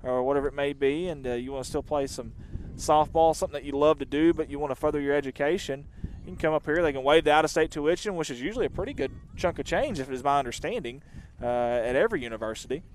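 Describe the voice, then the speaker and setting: A man doing chatty, rambling live softball commentary outdoors. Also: fairly high pitch, fast, slight background noise. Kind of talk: casual live sports commentary. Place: outdoor softball field on a windy day.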